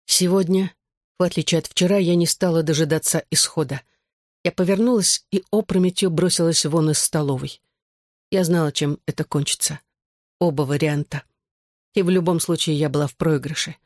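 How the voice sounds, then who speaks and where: An audiobook reader narrating a first-person novel in a steady storytelling voice. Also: mid-range voice, normal speed, no echo, studio quality.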